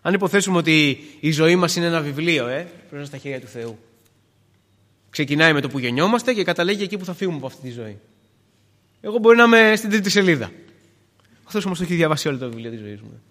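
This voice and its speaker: A man around forty preaching a sermon, swinging between hushed words and loud emphatic pleas, repeating phrases with many filler "eh"s. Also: a little high, expressive, long reverb tail.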